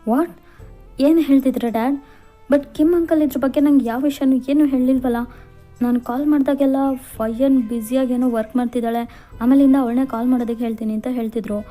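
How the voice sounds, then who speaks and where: A woman's voice: mid-range voice, fairly even intonation, fairly quick, dark tone, soft background music, natural voice. A woman voicing an anxious young man who urgently worries about his missing girlfriend in a fan fiction voiceover. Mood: worried.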